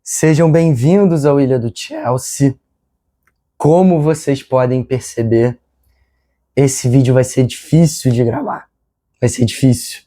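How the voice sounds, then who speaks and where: Brazilian male vlogger, mellow but hoarse smoker's rasp, stuffed nose, mid-pitched, chatty and apologetic. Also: measured pace. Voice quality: congested, nasal. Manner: apologetic, rambling. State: hoarse, strained sore throat with throat clearing. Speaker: football fan channel host. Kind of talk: casual news vlog. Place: his room at home.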